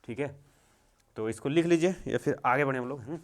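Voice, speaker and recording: A young man teaching English grammar in a slow, repetitive way, checking in often. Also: mid-range voice. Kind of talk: classroom-style grammar lesson.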